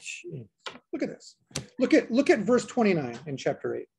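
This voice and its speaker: A woman's voice: medium pitch, wildly swooping pitch, normal speed, creaky, a little mellow, slight background noise. A woman pastor giving a sermon, reading scripture aloud and repeating key lines for emphasis.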